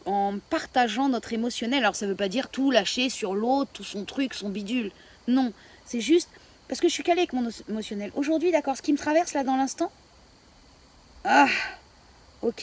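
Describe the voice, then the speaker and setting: A woman teaching Mayan astrology, talking in a reflective way and often pausing to search for words. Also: medium pitch, breathy edge. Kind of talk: spoken spiritual teaching.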